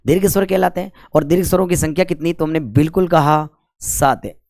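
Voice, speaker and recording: A man's voice: on the high side, fairly quick, gravelly, a little mellow, no room sound, studio quality. A man teaching grammar for exam prep. He asks questions, answers them himself and stretches out the vowel sounds. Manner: chatty, with jokes between the rules.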